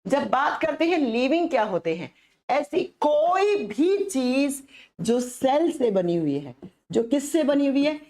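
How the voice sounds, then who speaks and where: A woman teacher with a sore, hoarse throat, giving a live online science lesson and repeating her questions to the students. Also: high voice, very animated, takes it slowly, mellow.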